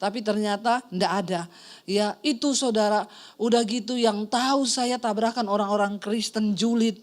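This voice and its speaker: A middle-aged woman pastor preaching a sermon, telling a personal story with humor and animated quotes, congregation responding. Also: medium pitch, normal speed. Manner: storytelling with humor, quoting others in lively voices. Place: church service with congregation.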